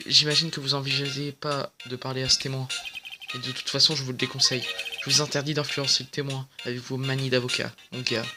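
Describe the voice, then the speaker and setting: A man's voice: mid-range voice, flat delivery, fast talker, over music, close to an everyday voice. A man voicing a blunt, bumbling male police detective. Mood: gruff. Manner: blunt, keeps saying "my pal".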